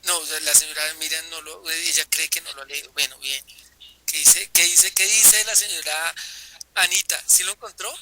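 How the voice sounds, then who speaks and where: Colombian man teaching a Bible study, very bright voice, presses listeners with questions, faint noise behind. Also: fairly high pitch, steady tone, normal speed, rough recording. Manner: asks the group rhetorical questions, repeats phrases.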